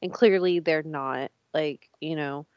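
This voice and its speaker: A woman's voice: low-pitched, measured pace, darkish tone, no echo. A woman chatting casually about a TV show, laughing often and swearing, with lots of fillers. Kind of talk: casual chat. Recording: dull, lo-fi dry sound.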